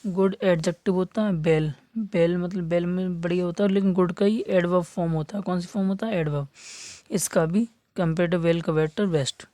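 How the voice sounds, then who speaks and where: Male exam-prep tutor, mellow and patient, spells things out, dry close sound. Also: high-pitched, fairly even intonation, no room sound. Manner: spells words letter by letter and repeats key terms; stretches words slowly for emphasis. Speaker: English teacher for competitive exams. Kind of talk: classroom lesson.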